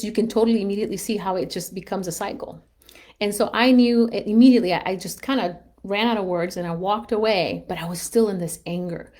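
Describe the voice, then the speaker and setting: A woman's voice: medium pitch, darkish tone. A woman in her thirties, a mom telling a personal story on a casual live stream, candid and self-reflective, rambling with restarts and laughing at herself.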